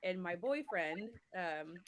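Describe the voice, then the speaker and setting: A woman's voice: fairly low pitch, animated, slow pace, slight background noise. A woman guest on a podcast talking frankly and casually about her horror collectible store, laughing easily.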